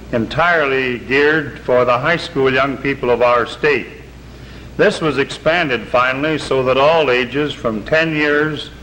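Seated on camera outdoors by a lake, a middle-aged camp spokesman reads a prepared statement from papers for a 1950s television broadcast, then moves into documentary narration. He speaks in a measured, earnest, formal way, with a medium pitch that sounds pushed and bright. The old broadcast recording is rough, with faint hiss.

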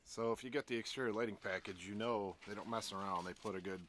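A man's voice: on the low side, steady tone, quick pace, a bit bright, a little hiss or hum. A man giving a casual outdoor walkaround, explaining trailer gear step by step at a wooded campground. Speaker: trailer review vlogger.

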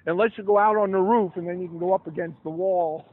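Older guy doing a walking tour by the road, talks in asides, highish voice, sounds like a phone recording. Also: steady tone, quick pace. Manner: chatty, asides and restarts while reading from papers. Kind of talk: outdoor history tour talk. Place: roadside sidewalk outdoors beside traffic. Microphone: camera held close in the crowd. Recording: tinny phone-like outdoor audio.

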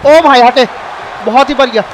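A man giving excited, casual commentary over a wrestling video game and often shouting. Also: very high-pitched, moderate pace. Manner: excitable, shouts often, calls people bhai. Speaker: gameplay commentator. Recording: noisy background with crowd sounds. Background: video game arena crowd and noise.

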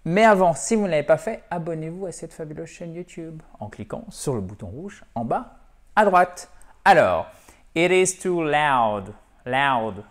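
A man teaching an English lesson in French at a whiteboard, animated, often checking in with his viewers and mixing in English example phrases. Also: fairly high pitch, measured pace. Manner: animated, repeats and checks in with "d'accord?" and "ok?". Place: classroom-style room with a whiteboard.

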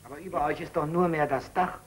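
An actor playing a jealous young suitor in a 1939 film drama. He speaks in a sharp, sarcastic, accusing way, bitter at being deceived. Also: a little high, fast talker, a little hiss or hum, natural voice, low-quality recording.

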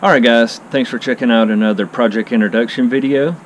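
Talking a little fast in a steady, medium-pitched voice, a man hosts a casual car channel vlog outdoors, pacing a driveway alongside a garage. He's chatty and keen, often dropping "I mean," and his handheld action camera catches faint outdoor noise.

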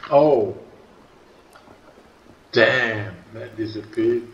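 A man's voice: medium pitch, drawn-out words, echoey room, lo-fi sound. A man giving casual gameplay commentary, muttering and grumbling dryly to himself.

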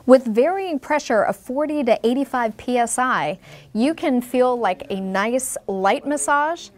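A woman's voice: on the high side, animated, a little slow. A woman co-host reading scripted narration about spa treatments in a presenter style.

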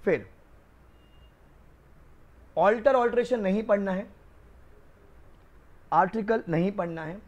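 A man's voice: sits high, slow, pauses often, dull audio. A man with a Rajasthani Hindi accent giving a casual, joking law lecture and calling his students kids. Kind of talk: casual classroom lecture with stories. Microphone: new microphone.

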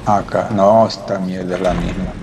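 A man's voice: low voice, level tone, moderate pace, over music. A young man, commenting casually on his gameplay from a small room at home, muttering to himself, swearing and asking puzzled questions. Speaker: gameplay streamer. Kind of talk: casual let's-play commentary. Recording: loud game sound behind voice.

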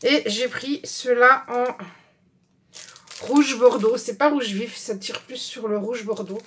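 Woman vlogger, relaxed chatty haul talk, higher voice, faint background hiss. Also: slow pace. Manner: chatty, many fillers, shows items one by one. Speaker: craft vlogger. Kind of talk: casual haul video. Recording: faint background noise with clicks.

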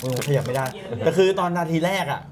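Fast-talking man reacting to icy water. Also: medium pitch, noisy background. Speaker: host trying an ice bath. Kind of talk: casual unscripted chat. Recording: background music under the voice. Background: music.

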